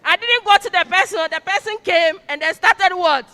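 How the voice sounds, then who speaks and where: A woman's voice: very high voice, normal speed, bright, forceful tone, a faint crowd. A woman giving an orientation lecture, quizzing her audience with fill-in prompts. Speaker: orientation speaker. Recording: long hall reverb.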